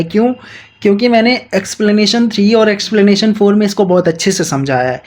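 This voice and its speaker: A man giving a law lecture. He reads English legal text out slowly and explains it quickly in Hindi mixed with English terms. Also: high-pitched, a little mellow. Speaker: law teacher.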